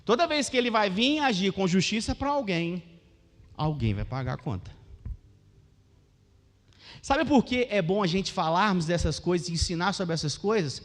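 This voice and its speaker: Man, Brazilian accent, young pastor, high-pitched voice, animated sermon, long hall reverb. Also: moderate pace, pauses often. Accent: Brazilian Portuguese. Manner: animated preaching, asks the congregation questions. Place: church hall.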